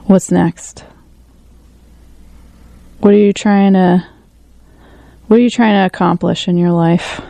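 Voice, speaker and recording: A woman hosting a community radio interview show, relaxed and encouraging, laughing along with her guest. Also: on the low side, slow, vocal fry, pauses often, no room sound.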